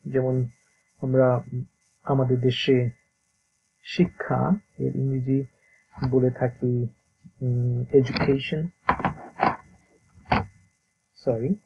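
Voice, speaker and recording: A man, teaching English pronunciation in a slow, halting way, repeating words to demonstrate them. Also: mid-range voice, completely flat delivery, creaky, slightly rough. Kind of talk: course promo and pronunciation lesson. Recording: dull lo-fi sound.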